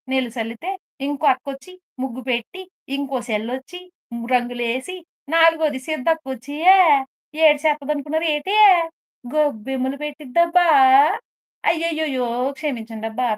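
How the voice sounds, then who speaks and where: Woman playing a silly gossipy village woman, high voice, scolding, teasing, rambling comic live-stream banter. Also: lightly acted.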